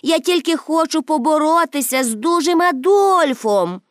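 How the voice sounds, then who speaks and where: A woman voicing a bold, cheerful, strong young girl in a high, playful voice. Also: expressive, moderate pace, no room sound, clean studio sound. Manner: high, bright, cocky and playful.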